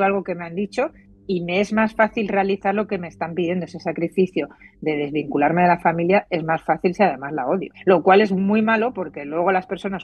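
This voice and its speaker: A woman's voice: on the low side, husky. A woman psychologist with a Spain Spanish accent explaining at length in casual chat, with frequent restarts. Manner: explanatory, many restarts, laughs easily. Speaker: psychologist guest. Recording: dull lo-fi dry audio.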